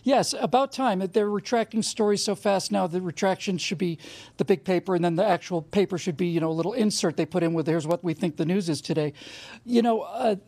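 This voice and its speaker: A man's voice: sits high, fairly quick, darkish tone. A man hosting a talk show, interviewing his guest in an emphatic, conversational way. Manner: emphatic, admiring, builds points in long runs.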